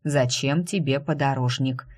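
A woman voicing a stern, teasing dark sorcerer who talks in a lazy drawl. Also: a bass voice, a little slow.

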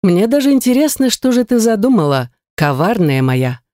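A woman's voice: sits low, expressive, moderate pace, warm tone, no room sound, studio quality, pitched below the performer's own voice. Woman doing a smug teasing male rector.

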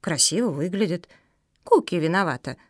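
A woman voicing a timid older sister dog who mumbles low when she apologizes. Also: lively intonation, normal speed, a little mellow, dry recording, studio quality. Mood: sheepish.

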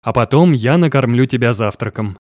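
A man's voice: mid-range voice, lively intonation, a little fast, darkish tone, no room sound, clean studio sound, natural voice. A man reading a cool teasing young boss. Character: wealthy young male boss, displeased then teasing.

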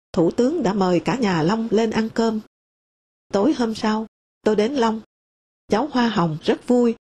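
A woman reads a memoir audiobook in a steady, measured way. Her voice sits a little high for a woman but has a warm, mellow tone. She reads the quoted conversations in her own voice and does not act them out. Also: husky. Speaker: audiobook narrator. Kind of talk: memoir read aloud.

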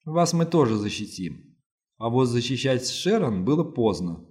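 A man's voice: medium pitch, very animated, measured pace, a little mellow. A man reading a firm woman police lieutenant. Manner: firm, insistent. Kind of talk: audiobook reading.

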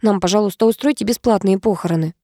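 A woman's voice: medium pitch, fast, mellow, dry recording, clean studio sound, lightly acted. A woman voicing a brash, stingy young woman who blurts out her words in a rush and sounds scornful. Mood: indignant.

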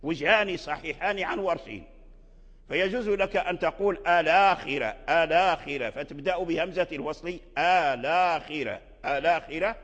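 A man's voice: a little high, a bit bright. A man teaching as a sheikh, explaining a recitation poem and repeating words aloud to show how they are pronounced. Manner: deliberate explaining, with restarts. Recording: echoey hall, dull lo-fi sound.

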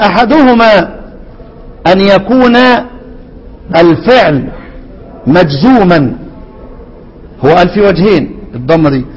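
A man with an Egyptian accent teaching a lesson on Quran readings, quizzing his students with rhetorical questions and slowly repeating words. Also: sits high, husky, long reverb tail, muffled recording. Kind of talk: lesson explaining a classical poem on Quran readings.

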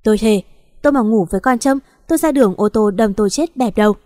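A woman reading the part of a coarse, scornful husband who snaps back quickly and dismissively. The delivery is quick and rough, and the recording is dry and close. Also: high-pitched, mellow, dry recording, lightly acted. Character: crude defensive husband, adult man.

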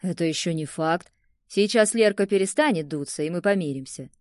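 A woman voicing a spiteful, furious young male ex-boyfriend in an audiobook, scornful and shrill when enraged. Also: brisk, darkish tone, dry recording, clean studio sound, lightly acted.

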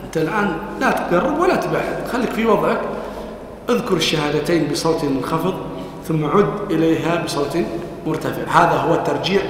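A man's voice: on the high side, a bit bright. A man teaching a classroom lesson, reciting texts and questioning his students as he explains them. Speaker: teacher of hadith. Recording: echoey hall with long reverb, faint noise.

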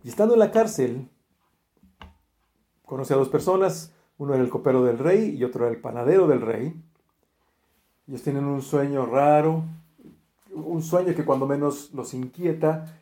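A man preaching a sermon, retelling a Bible story in a lively way and acting out the quoted speech, with frequent fillers and restarts. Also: mid-range voice, normal speed, pauses often, reverberant.

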